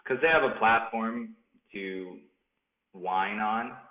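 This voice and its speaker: Male podcast host, lowish voice, easygoing, heard over a thin phone-like line in a roomy space. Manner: easygoing, agreeable, quick to laugh along. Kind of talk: casual chat. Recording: tinny phone-like sound in an echoey room.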